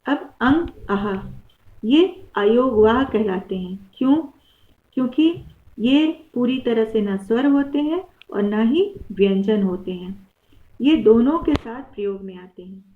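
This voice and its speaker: A woman teacher giving a patient grammar lesson, explaining slowly with many examples. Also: fairly high pitch. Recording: tinny phone-like recording.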